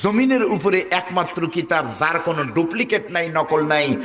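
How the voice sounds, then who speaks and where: Bangladeshi preacher with booming hall echo. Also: male voice, animated, normal speed, fairly bright tone. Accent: northern Bangladeshi Bengali. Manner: calls on the crowd to respond, mimics regional dialects. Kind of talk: Bengali waz sermon. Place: outdoor religious gathering over loudspeakers.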